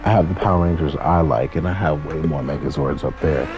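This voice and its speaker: Over music and racing game engine noise, a man in his 30s from California tells rambling, slangy stories with some swearing. His voice is extremely low and a little fast, and the audio is dull and noisy.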